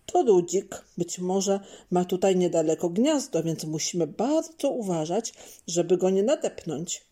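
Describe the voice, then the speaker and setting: A woman reading a patient father explaining. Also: lowish voice. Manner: calm explaining, measured.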